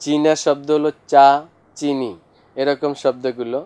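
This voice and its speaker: Smooth-voiced man teaching a lesson. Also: mid-range voice, level tone, unhurried, mellow. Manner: addresses students directly, lists examples one by one. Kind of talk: classroom lesson explaining vocabulary.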